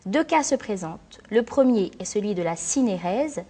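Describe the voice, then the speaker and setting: A woman teacher narrating a scripted lesson in a clear, measured, explanatory way. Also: mid-range voice, lively intonation, mellow. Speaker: French teacher.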